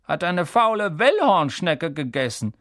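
A man voicing a shrill, nervous middle-aged aunt in a story reading. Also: sing-song, unhurried, a bit bright, no echo, clean studio sound. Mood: shrill, alarmed. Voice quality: shrill, trembling.

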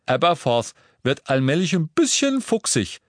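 A cheeky young joker with a breezy, teasing tone, acted by a man reading a story. His voice sits a little higher and moves freely. Close, dry sound. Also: big pitch swings, moderate pace, no room sound.

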